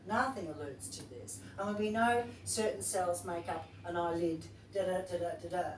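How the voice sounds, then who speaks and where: A woman's voice: lowish voice, normal speed, slight background noise. A woman leading a yoga teacher training class, talking informally and thinking aloud as she reads to her group. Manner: chatty, informal, thinks aloud while reading. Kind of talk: casual group class talk. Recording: distant, echoey room recording.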